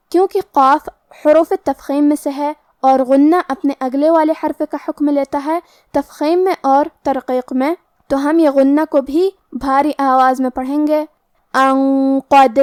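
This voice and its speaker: Woman teaching tajweed, high voice, dry close sound, goes through every letter step by step. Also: darkish tone, no echo. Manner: measured, explains each letter rule step by step. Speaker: Quran recitation teacher. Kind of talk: tajweed lesson with slow recitation.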